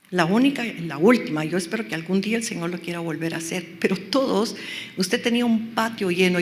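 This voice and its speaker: A woman's voice: mid-range voice, slight background noise. A middle-aged woman, telling a testimony in a sermon and dropping to a whisper when quoting God. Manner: storytelling, drops to a whisper for God's words. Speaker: preacher.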